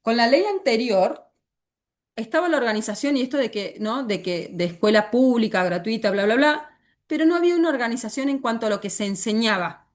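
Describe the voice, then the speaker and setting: This Argentine-accented teacher's voice is a little high, with lively intonation and a fairly quick pace. As she lectures, she often stops to pose questions to her class.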